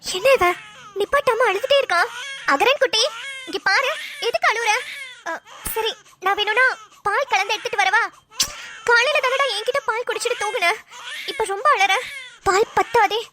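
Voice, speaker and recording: A woman's voice: very high voice, moderate pace, long pauses, noisy background. A woman voicing a harried young mother in a cartoon, exasperated and scolding as she complains. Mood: frustrated. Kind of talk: cartoon voice acting.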